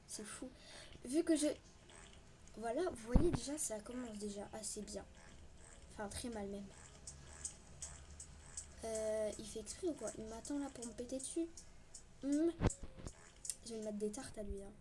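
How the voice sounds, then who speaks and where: A woman's voice: a little high, background noise. A young woman giving casual, rambling, self-mocking gameplay commentary as a gaming video host. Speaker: gaming youtuber.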